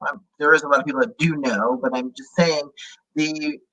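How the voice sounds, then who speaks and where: A non-native English-speaking man, a sound healer, talking in a halting way with many restarts while he searches for words. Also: medium pitch, steady tone, sharp tone, breathy edge, poor audio. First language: not English. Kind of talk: casual interview chat.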